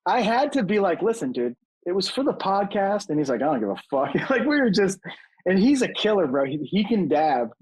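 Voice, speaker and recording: A man's voice: high voice, big pitch swings, moderate pace, slightly rough. A man hosting a podcast, teasing his guests and swearing in casual chat. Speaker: podcast host.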